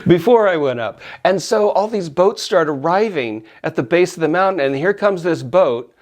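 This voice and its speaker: A middle-aged man casually telling a personal story, animated and often laughing as he acts out his own yells. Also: on the high side, a little slow, pauses often.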